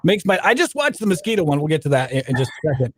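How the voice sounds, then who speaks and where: A man's voice: fairly high pitch, very animated, very fast, husky, no echo. A man hosting a casual radio interview in an enthusiastic, fan-like manner.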